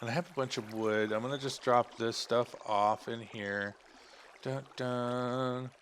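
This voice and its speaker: Bright-voiced man rambling over gameplay. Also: medium pitch, steady tone, moderate pace, slight background noise. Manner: rambling, thinks aloud, hums to himself. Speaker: gaming channel host. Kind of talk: casual gameplay commentary.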